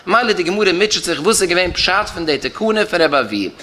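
Male rabbi, Yiddish accent, lecture chant with rising and falling lines, bright voice. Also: high voice, animated, brisk. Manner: rising and falling chant, stresses key terms, repeats phrases. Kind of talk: Talmudic lecture in a singsong study chant.

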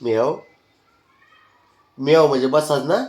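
A man's voice: mid-range voice, measured pace, darkish tone. A man talking to his pet cat in a coaxing, teasing way, laughing often in casual baby talk at home.

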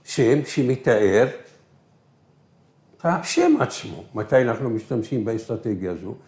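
A male teacher whose first language is Arabic gives a recorded grammar lesson. He asks questions and answers them himself, slowing down on key words. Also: mid-range voice, lively intonation, darkish tone. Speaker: Hebrew teacher. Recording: echoey room.

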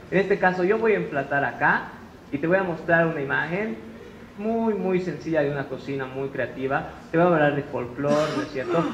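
A man's voice: on the high side, fairly bright tone. Bolivian man giving a chatty chef's talk. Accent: Bolivian Spanish. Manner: chatty storytelling, tag questions. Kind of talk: conference talk. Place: conference room. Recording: roomy hall, muffled sound, faint noise.

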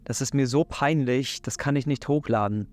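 Faint music backs this earnest, encouraging faith message, spoken directly to camera by a YouTuber in his thirties from Hamburg with a Hamburg German accent. His voice is mid-range at normal speed, picked up by a desk mic in front of him in his living room.

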